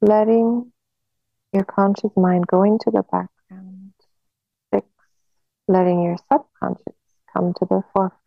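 A woman guiding a hypnosis relaxation in a slow, soothing hypnotist manner with long pauses, on a narrow phone-like recording. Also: mid-range voice, flat delivery, gravelly, no echo, soft background music.

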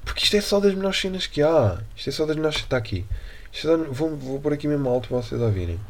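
A man's voice: on the high side, big pitch swings, rapid-fire. A young man from Portugal with a European Portuguese accent, hosting a casual solo podcast in a rambling, slangy, joking way. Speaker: podcast host.

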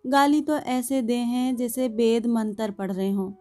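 A woman's voice: fairly high pitch, unhurried, a little mellow, faint music behind, close to an everyday voice. A woman voicing a plain-spoken working father, with a homely, complaining way of talking. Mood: grumbling. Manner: homely, matter-of-fact, complaining.

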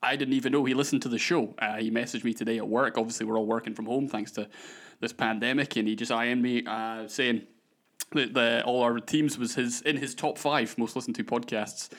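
A man's voice: medium pitch, fairly even intonation, brisk, a bit bright. A man with a Scottish accent hosting a casual sports podcast, chatty and self-mocking, laughing often as he talks. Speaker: podcast host. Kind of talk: casual chat.

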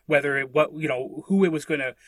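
A man's voice: fairly high pitch, fast talker, a bit bright, no room sound. Reflective man in his thirties. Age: 30s. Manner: reflective, rambling with restarts. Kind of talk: casual conversation.

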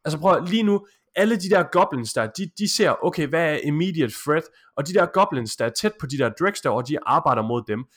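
A man's voice: on the high side, animated, few pauses, fairly bright tone. Man explaining games in casual chat.

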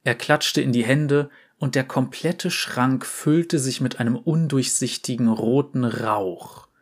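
A man calmly narrating a storybook. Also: medium pitch, slow pace, slightly rough. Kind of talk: storybook reading.

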